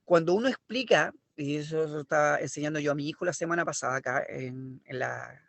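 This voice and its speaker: A man's voice: fairly high pitch, brisk, vocal fry, a bit bright, dry recording. A middle-aged man with a Chilean accent giving a language lesson, explaining step by step and often checking that students follow. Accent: Chilean Spanish. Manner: explanatory, checks understanding with "¿ya?" and "¿me explico?". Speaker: language teacher. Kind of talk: online class lecture.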